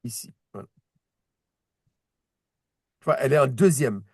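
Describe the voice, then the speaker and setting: A man's voice: mid-range voice, animated, a little slow, breathy edge, no room sound, studio quality. A man teaching a one-on-one reading lesson, patient, repeating words and restarting his sentences as he explains. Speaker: Hebrew teacher.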